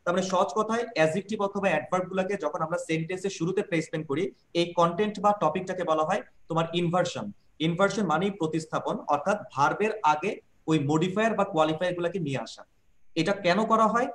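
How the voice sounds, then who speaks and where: A man leads an online grammar class over a video call, explaining patiently and repeating each point. His voice sits a little high and he talks fast. He keeps asking whether his students follow. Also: fairly bright tone. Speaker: English grammar teacher.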